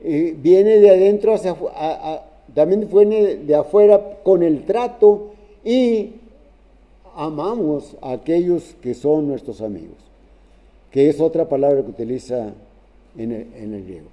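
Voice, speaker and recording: Man, preacher, sermon, slightly high voice, halting, repeats himself. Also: expressive, muffled recording. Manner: halting, many restarts and repeated "¿verdad?".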